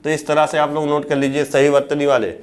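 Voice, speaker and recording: A man's voice: a little high, monotone, quick pace. A man teaching a classroom lecture. He keeps asking his students questions, answers them himself and repeats the key words. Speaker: Hindi exam teacher.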